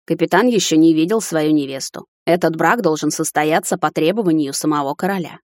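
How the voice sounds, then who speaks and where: A woman voicing a cold, imperious middle-aged high witch who speaks calmly and sternly. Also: brisk, dry recording, studio quality, close to an everyday voice. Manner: calm, stern, commanding.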